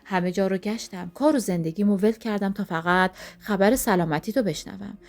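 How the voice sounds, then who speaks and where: A woman's voice: medium pitch, lightly acted. A woman voicing an angry, heartbroken young man who demands answers. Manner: pleading, accusing.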